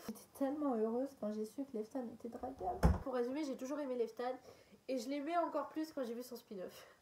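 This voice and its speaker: A woman's voice: high-pitched, mellow. A young woman chatting casually as she answers viewer questions, hesitant and full of fillers and small laughs. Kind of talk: casual chat.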